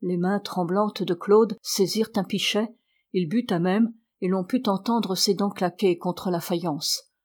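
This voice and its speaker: A woman reads a classic novel aloud as an audiobook reader, delivering scripted narration in a steady, measured way. Her voice is medium-pitched.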